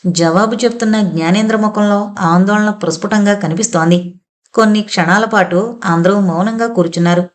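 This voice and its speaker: A woman's voice: mid-range voice, normal speed. A woman reading a science fiction audio novel aloud as narrator, giving the characters' lines a light change of voice. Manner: reads all characters herself, quoted lines lightly voiced.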